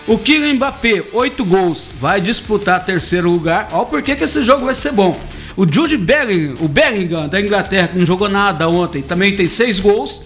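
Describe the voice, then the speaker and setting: A sports commentator from Brazil, a man with a high voice, talks about football in a joking, animated way and teases his co-hosts. Faint music plays underneath. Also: moderate pace. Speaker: sports commentator on a radio show. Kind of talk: casual sports talk.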